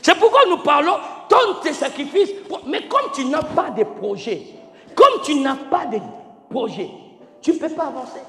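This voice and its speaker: A man preaching a sermon as pastor, emphatic and swinging between shouted lines and near-quiet ones, asking the congregation questions and spelling out words. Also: very high-pitched, sing-song, moderate pace. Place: large church hall. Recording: echoey church hall with faint music.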